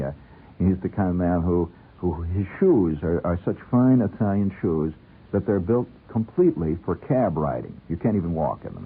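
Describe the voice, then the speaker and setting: Heard through a muffled, narrow-band old radio broadcast, this middle-aged American host has a voice that sits low, creaky and husky. He relates a funny story conversationally, wry and theatrical, relishing elaborate phrasing.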